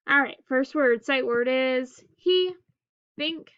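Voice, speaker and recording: Lady teacher doing phonics drills, bright high voice, staccato one word at a time, slightly muffled dry sound. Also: clear, resonant tone, dry recording. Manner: staccato, clipped single words with pauses between.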